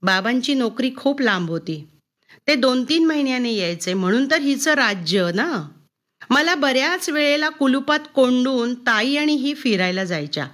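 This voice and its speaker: A woman reading her own story aloud in an expressive first-person narration. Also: high-pitched, normal speed.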